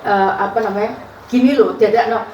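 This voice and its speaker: A woman's voice: mid-range voice, fairly even intonation, brisk, a little mellow, highs cut off. East Javanese woman giving chatty campaign talk. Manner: chatty storytelling with frequent laughs. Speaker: political candidate. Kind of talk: informal campaign speech. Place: community event space. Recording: echoey, distant, noisy room.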